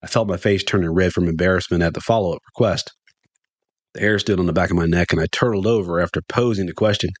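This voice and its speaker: Deep-voiced man telling a story. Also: quick pace, no echo. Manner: animated, jumps higher for excited quoted lines. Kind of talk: first-person storytelling.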